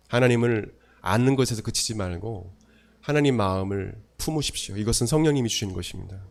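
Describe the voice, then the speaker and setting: A man's voice: fairly low pitch, darkish tone. Emphatic male pastor preaching. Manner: emphatic preaching, alternately slowing and speeding. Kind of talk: sermon. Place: church.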